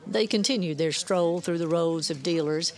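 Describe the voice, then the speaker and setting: A woman author narrating her own story in a measured, even reading. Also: on the low side.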